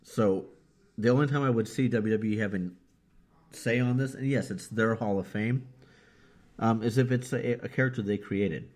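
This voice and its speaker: Speaking at a moderate pace in a lowish, slightly mellow voice, a man co-hosts a laid-back wrestling podcast. He wanders through his points and laughs readily at his own expense.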